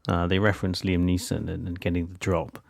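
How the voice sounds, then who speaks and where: A man with a low, gravelly voice talks on a film podcast with a close, dry sound. He rambles a little, breaking off and restarting his sentences as he goes. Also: level tone, a little fast, no echo. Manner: rambling, self-interrupting. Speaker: podcast co-host. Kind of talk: casual film discussion.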